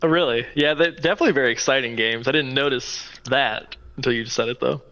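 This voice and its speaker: A man's voice: medium pitch, quick pace, bright, forceful tone. A man co-hosting a casual esports recap podcast, heard on slightly lo-fi audio. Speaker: podcast co-host.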